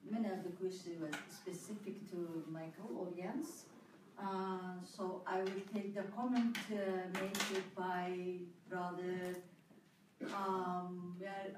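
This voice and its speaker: A woman's voice: mid-range voice, darkish tone, slight background noise. Woman speaking far off in an echoey hall. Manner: earnest, halting with fillers. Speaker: panel speaker. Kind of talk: public panel discussion.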